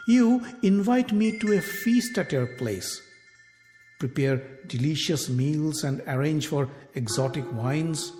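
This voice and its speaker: A man voicing a scheming queen in a storybook tale, soft and coaxing. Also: fairly high pitch, animated, slow pace, long reverb tail, soft background music.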